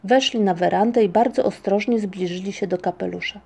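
Mellow-voiced woman reading a storybook. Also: medium pitch, gravelly, breathy edge. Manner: expressive, measured reading. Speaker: narrator. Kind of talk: audiobook storytelling.

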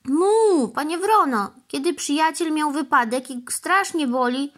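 A woman's voice: expressive, a little slow, a bit bright. A woman doing a mooing, hurt mother cow. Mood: plaintive. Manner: lowing "moo" interjections, plaintive. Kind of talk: children's storybook reading.

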